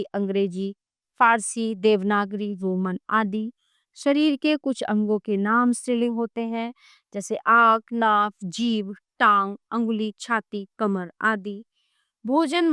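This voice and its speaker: A woman narrating a grammar textbook in a slow, measured reading, listing example words one at a time. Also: a little high, fairly bright tone, clear, resonant tone, no room sound, clean studio sound. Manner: reads word lists one by one, measured.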